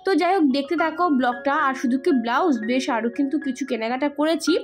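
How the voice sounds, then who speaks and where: A woman's voice: high-pitched, brisk, faint music behind. A woman in her thirties with a Kolkata Bengali accent and a cough, chatting to viewers at home in a rambling shopping haul vlog. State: has a cough. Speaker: lifestyle vlogger. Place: home room indoors. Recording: echoey room at home.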